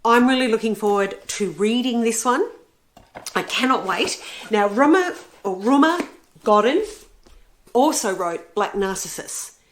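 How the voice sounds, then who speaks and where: A woman's voice: a little high, animated, a little slow. Chatty woman reviewing books with many fillers. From Australia. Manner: enthusiastic, rambling with many fillers and self-corrections. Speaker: book channel host. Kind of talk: casual book review chat.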